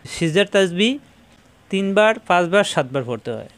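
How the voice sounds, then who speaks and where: A middle-aged man gives a pronunciation lesson on recitation, breaking words into single syllables and repeating them. His voice is fairly high for a man and very smooth and clear. He talks at a patient, drilling pace. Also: animated, dry recording. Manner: slow, drawn-out syllable-by-syllable drilling of sounds. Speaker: Quran recitation teacher.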